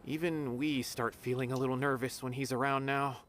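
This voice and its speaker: An actor plays a courteous, dutiful young academy officer in a game, earnestly reporting news in a lightly acted, mid-range voice. His intonation stays fairly even and his pace fairly quick, with loud music behind the game audio.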